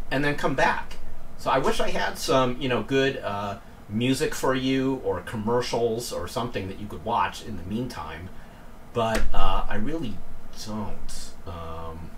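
A middle-aged man live-streaming a game from home, chatting casually and self-deprecatingly with his viewers. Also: fairly low pitch. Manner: rambling, self-deprecating, joking with chat. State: winded from climbing stairs. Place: home room. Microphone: headphones with desk mic, off-mic at times. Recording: voice sometimes distant from mic, faint room noise.

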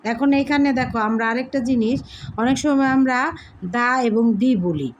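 A woman with a fairly high voice teaches young pupils a grammar lesson. She asks questions and then answers them herself, repeating the key words slowly. A faint hum of room noise sits behind her. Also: darkish tone, muffled recording.

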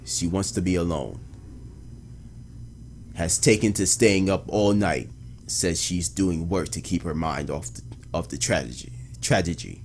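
A man voicing a weary, grieving male detective, reading a journal in slow, hushed noir narration. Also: low voice, slight background noise. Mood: somber.

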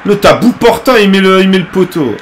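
A man's voice: sits high, animated, a little fast, a little hiss or hum. A young French man streaming live gameplay, groaning, swearing and bantering with chat as he plays. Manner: exasperated, swearing, groaning at the game. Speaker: gaming streamer.

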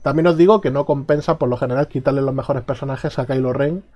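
A man with a Spain Spanish accent giving a casual explanatory guide to game teams, relaxed and hesitant, with frequent filler sounds. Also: mid-range voice, fast talker, dull audio. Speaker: mobile game guide creator.

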